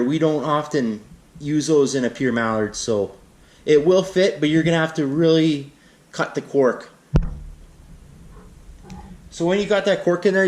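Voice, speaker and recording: A man's voice: on the high side, darkish tone. A man giving a casual, plain-spoken, unscripted hands-on tutorial as an instructor. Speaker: instructor in a how-to demonstration.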